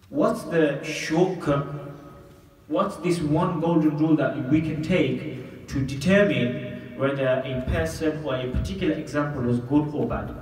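A man in his thirties delivers a Friday sermon as imam, his tone earnest and his emphasis measured. His rather high voice rings through a reverberant hall. He sounds set back from the microphone. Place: mosque room, indoors. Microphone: desk mic on stand. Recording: echoey hall from far off.

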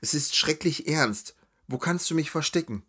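A man voicing a serious young noble girl on the run in a storybook reading, urgent and hushed. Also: a little high, animated, normal speed, slightly rough, voice pushed up, heavily acted.

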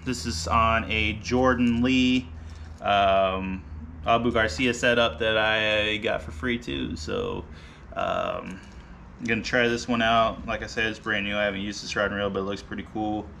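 A man in his thirties, a fishing vlogger, casually walking through his gear in a garage, relaxed and rambling with many ums and uhs. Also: lowish voice, a little slow, a little hiss or hum. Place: garage, seated by boat gear.

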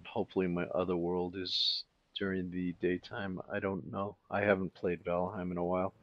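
A man talking through a game tutorial in a relaxed, casual way, thinking aloud with fillers as he clicks along. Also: low voice, normal speed, no room sound, lo-fi sound. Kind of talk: casual screen-recorded tutorial.

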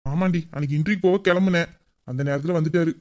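A performer plays a lovesick young man in a romantic audio drama. He grumbles and sulks in a mid-pitched voice, putting on anger he cannot keep up. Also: racing, darkish tone, natural voice. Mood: downcast. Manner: grumbling, mock-angry, then tender.

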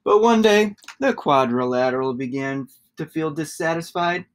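A man, giving an expressive read-aloud of a children's story. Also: on the high side, normal speed, slight background noise. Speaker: storybook reader.

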